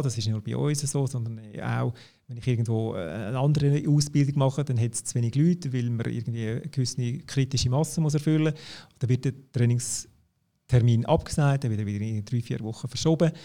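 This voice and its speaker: Representing a company's education and partner side, a man with a Swiss German accent and a dark, medium-pitched voice explains its services in a business conversation. He hesitates a lot, restarts sentences, and leans on fillers like "ich sage jetzt mal."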